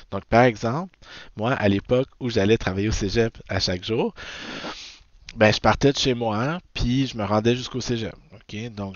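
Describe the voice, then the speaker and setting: A fairly low-voiced man with a Québécois French accent lectures on physics in a recording with no room sound. Again and again he asks "ok?" and corrects himself. The audio is dull, dry and lo-fi.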